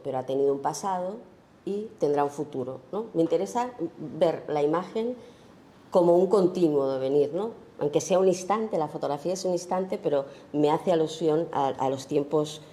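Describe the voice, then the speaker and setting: A Spanish woman photographer with a deep, warm voice gives an informal talk about her own work. She is thoughtful and searching, using many fillers and tag questions.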